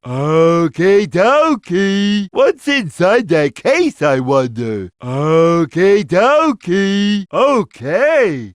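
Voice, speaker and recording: A man voicing a big, slow-witted, gentle, good-natured cartoon cat in a video game, speaking in a simple, earnest, drawn-out way. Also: a little high, no room sound, studio quality. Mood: cheerful, childlike. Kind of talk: video game character voice lines.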